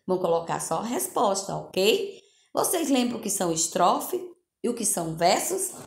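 A woman's voice: fairly high pitch, gravelly, echoey room. A woman teacher with a Brazilian Portuguese accent gives a recorded lesson to young children in a coaxing, sing-song way, full of little diminutives. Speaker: primary school teacher.

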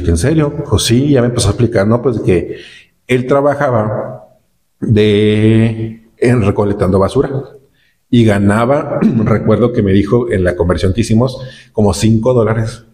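A vlogger from Nuevo León, speaking with a northern Mexican accent, recounts a trip in a casual, rambling way, repeating words and leaning on plenty of fillers. His voice is fairly low and warm.

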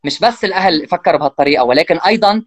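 Man, rapid-fire interview guest, very dry close recording, animated dialogue bits. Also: high-pitched, no room sound. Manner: fast, animated, acts out parent and child lines. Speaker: guest expert on parenting. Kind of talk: casual explanatory interview talk.

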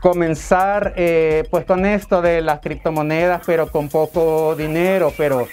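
A man's voice: a little high, fairly even intonation, measured pace, darkish tone, faint music behind. A man with a Salvadoran accent talking politely and a little hesitantly as a customer in a phone conversation. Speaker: caller, prospective customer. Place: indoors, small room. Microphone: lapel mic.

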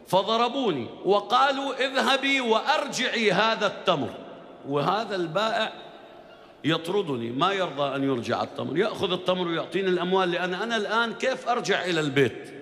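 A frightened young slave girl pleads in distress, her voice a little higher than plain speech, as a male preacher puts her on. The story voice rings through a large hall with a long reverb. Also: bright, forceful tone, exaggerated voice.

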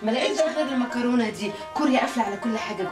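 A polite young Egyptian woman, played by an actress in a TV drama, speaking quickly in a high voice. She coaxes and welcomes guests politely. She sounds far from the mic, under a loud music score. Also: lightly acted. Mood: coaxing. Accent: Egyptian Arabic. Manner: polite, hurried and coaxing. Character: polite young woman, caring for her aunt. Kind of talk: TV drama acting.

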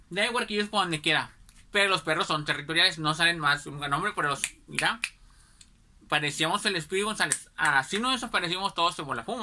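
A woman's voice: fairly low pitch, sharp tone. A woman, telling a childhood anecdote in a chatty, rambling way and often checking in with her listeners. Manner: chatty, rambling, keeps asking ¿verdad?. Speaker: storyteller.

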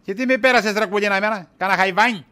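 A weary shopkeeper husband, as a man acts him out, high-pitched and bright, brushing off accusations with sarcasm. He sounds worn out and exasperated throughout the comic scene. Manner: exasperated, dodging, wisecracking. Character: tired, evasive shopkeeper husband, middle-aged. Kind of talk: comedy sketch acting.

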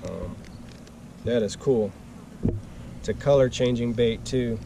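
A forties-aged fishing vlogger from Arizona unboxes his gear outdoors next to a boat, laid-back and enthusiastic with lots of fillers. His medium-pitched voice moves slowly and carries vocal fry. The camera audio picks up background noise in this casual unboxing vlog.

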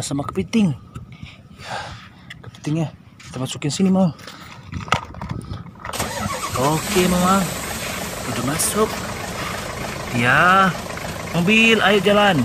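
A man's voice: a little high, background noise. A man hosting a children's toy video. He narrates toy play for a child, counts aloud, quizzes the child and exclaims often. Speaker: children's toy channel host.

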